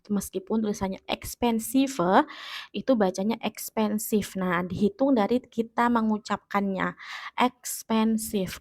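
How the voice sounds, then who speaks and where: Indonesian lady teacher going over grammar rules, patient, restarts a lot. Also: mid-range voice. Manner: patient explaining with self-corrections. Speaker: English teacher. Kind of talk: classroom grammar lesson for students at home.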